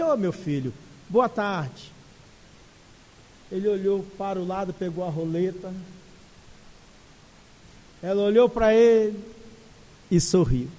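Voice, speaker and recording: A man with a Brazilian Portuguese accent giving a spiritist lecture and telling a story with animated humor. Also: sits high. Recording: echoey hall.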